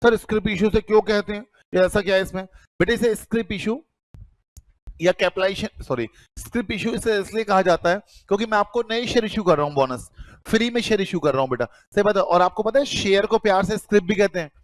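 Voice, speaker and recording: A man's voice: sits high, fast talker, no echo. A man teaching accounting to a class, calling students "beta" and asking then answering his own questions. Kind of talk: classroom lecture.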